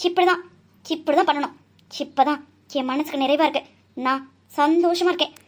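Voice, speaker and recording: A woman's voice: high voice, a little fast, lightly acted. A woman voicing a fierce young woman doctor who takes revenge in a cartoon, scolding and declaiming with fiery force. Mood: triumphant. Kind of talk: cartoon voice acting.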